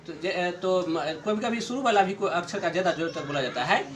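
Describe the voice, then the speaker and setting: A middle-aged man teaches a grammar lesson to a class, explaining slowly, repeating his points and chuckling often. His voice is high-pitched with lively intonation.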